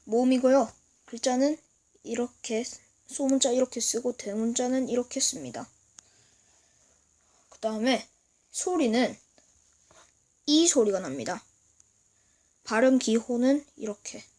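A woman giving a casual video lesson, explaining slowly and haltingly and often clearing her throat. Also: fairly high pitch, expressive, darkish tone. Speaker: language teacher. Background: noise from outside.

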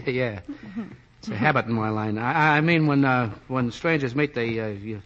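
A man's voice: medium pitch, normal speed, fairly bright tone, lightly acted. An actor playing a brash, plainspoken American man in 1940s radio acting, stammering and drawling. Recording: dull 1940s radio broadcast.

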